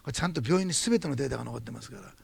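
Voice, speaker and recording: A man preaching as a pastor, telling a testimony in quick, animated bursts. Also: mid-range voice, vocal fry, breathy edge, no room sound. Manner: fast-talking, animated storytelling. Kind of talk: sermon testimony.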